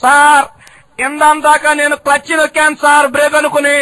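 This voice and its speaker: A male mimic plays a clumsy bus driver who keeps apologising to his boss. The voice is high and bright. It is a stage comedy mimicry act. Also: completely flat delivery, normal speed. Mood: apologetic. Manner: deferential, apologetic.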